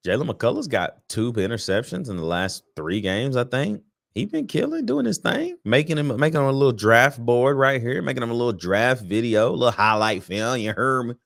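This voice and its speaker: A man's voice: medium pitch, brisk, hardly any pauses, fairly bright tone. A man hosting a sports fan show, talking casually about an upcoming game with slang, repeated words and restarts. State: sleepy, yawning. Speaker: sports podcast host.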